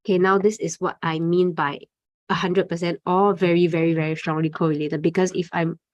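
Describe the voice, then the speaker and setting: Presenting a live trading webinar, a young adult woman speaks a little fast in a fairly low, level voice. She's chatty and informal, using fillers and tagging lines with "okay" and "right?". The audio is dull, with no echo.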